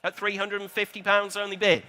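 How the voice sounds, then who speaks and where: A man with a British accent working as an auctioneer, calling a live sale in a brisk chant of repeated bids. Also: high-pitched, monotone, bright, forceful tone.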